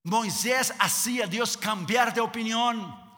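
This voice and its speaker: A man's voice: extremely high pitch, a little slow, pushed and bright, in a large hall. A male preacher delivering a sermon with emphatic, repetitive exhortations.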